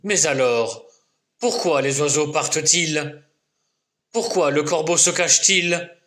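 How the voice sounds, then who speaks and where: A man telling a children's tale in a slow, rhythmic, playful way. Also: fairly high pitch, fairly bright tone. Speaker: storyteller. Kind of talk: tale told aloud for children.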